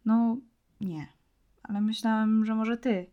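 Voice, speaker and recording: A woman's voice: on the high side, steady tone, slow, narrow, tinny audio. A woman reading a storybook and voicing a tender-hearted young girl who speaks tearfully and pleads. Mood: hopeful.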